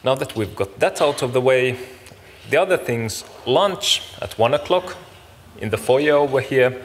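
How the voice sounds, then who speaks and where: A man with a medium-pitched, expressive voice speaks a little slowly as he opens a summit as its organiser and host. In a large conference room, he makes informal practical announcements to the audience, casual, apologetic, and somewhat hesitant. The hall is echoey, with clear background noise.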